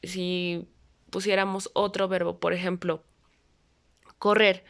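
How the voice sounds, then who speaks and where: A woman teaching a grammar lesson, explaining patiently and pausing with fillers. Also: lowish voice, little pitch movement, creaky, a bit bright.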